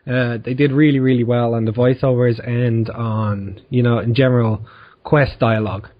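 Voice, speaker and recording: A man co-hosting a casual gaming podcast, relaxed and agreeable and laughing often. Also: medium pitch, moderate pace, lo-fi sound. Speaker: podcast co-host.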